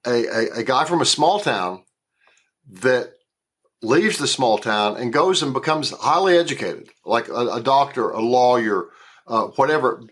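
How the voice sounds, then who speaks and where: This Southern US actor in his sixties talks in a mid-range, expressive voice, measured and fairly bright. As an interview guest he keeps it casual, frequently repeating himself and starting sentences over.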